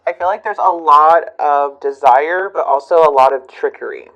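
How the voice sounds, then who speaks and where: A woman reading tarot cards for her channel, talking reflectively with many fillers and pauses. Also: sits low, a bit bright, low-quality recording. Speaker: tarot reader.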